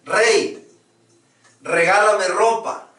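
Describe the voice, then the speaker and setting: A man voicing a poor, ragged beggar pleading with a king for clothes, in drawn-out cries. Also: sits high, a bit bright, roomy sound, far from the mic, heavily acted.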